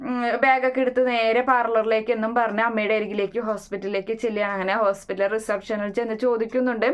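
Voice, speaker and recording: A woman retells a TV serial's plot at a quick clip, dropping frequent "eh" fillers and restarting her sentences. Her voice is smooth and clear but stays flat in pitch. The recording sounds a little dull and lo-fi. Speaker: serial recap narrator.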